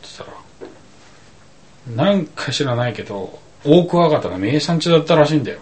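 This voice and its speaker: A man's voice: fairly high pitch, very animated, brisk, darkish tone, slight background noise, low-quality recording. A man telling a rambling anecdote in casual chat, full of asides and comic emphasis. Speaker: storyteller.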